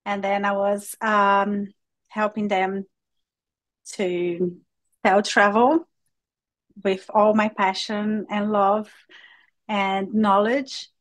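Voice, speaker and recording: A woman from Brazil, a native Portuguese speaker with a Brazilian accent, telling her story as an interview guest in a halting way full of fillers. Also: mid-range voice, fairly even intonation. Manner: halting, with many fillers and restarts. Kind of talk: conversational interview.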